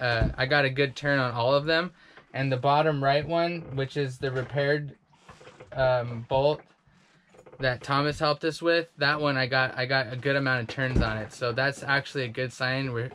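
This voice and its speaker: Male sailing vlogger, thirties, mid-pitched, casual halting explanations to a handheld camera, some boat noise. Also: fairly bright tone. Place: aboard a small sailboat at sea. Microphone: handheld camera at arm's length. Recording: wind, boat and engine noise.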